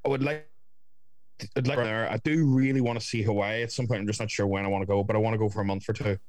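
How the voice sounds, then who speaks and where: A man's voice: lowish voice, fairly even intonation, quick pace, a little mellow, dry recording. A man in his twenties with a Northern Irish accent, chatting casually and swearing as a podcast co-host. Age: 20s.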